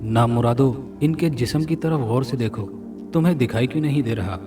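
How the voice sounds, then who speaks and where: A man's voice: medium pitch, normal speed, close to an everyday voice. A man voicing a savage cannibal chief. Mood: commanding. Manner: barking orders. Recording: narration from a distance with loud music.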